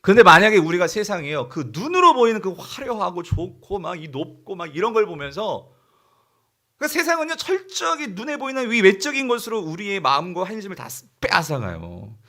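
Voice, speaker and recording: A male pastor preaching a Sunday sermon with dramatic emphasis and constant rhetorical questions. His voice is bright and forceful, swinging widely from loud peaks to hushed drops, on the higher side for a man. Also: very animated, fairly quick.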